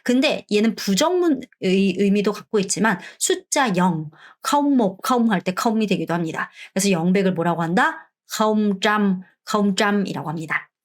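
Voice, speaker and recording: Korean woman teaching words slowly and clearly. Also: mid-range voice, expressive. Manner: explains, then repeats words slowly and carefully for learners. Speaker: language teacher. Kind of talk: online language lesson.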